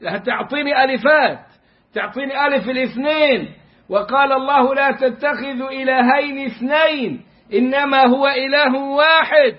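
A man teaching correct pronunciation of a religious phrase, chanting words slowly to demonstrate, with a lilt in his asides. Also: very high voice, dull audio. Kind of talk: recitation lesson.

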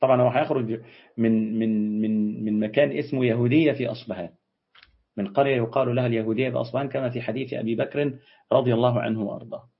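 An Egyptian man with a husky, mid-range, slightly raspy voice and an Egyptian Arabic accent hosts a casual live Q&A on religion and history. He speaks quickly with fairly even intonation, briskly reading viewer comments and firing off dismissive retorts. The stream audio sounds dull and lo-fi.

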